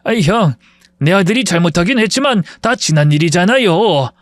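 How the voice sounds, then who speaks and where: A man's voice: high-pitched, expressive, normal speed, dry recording. Guy doing a middle-aged dad pleading excuses, dry sound. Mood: defensive.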